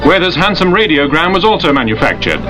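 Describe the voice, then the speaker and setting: A man's voice: fairly high pitch, sing-song, fast. A man narrating an old newsreel in a formal announcer delivery. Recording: narration over loud music.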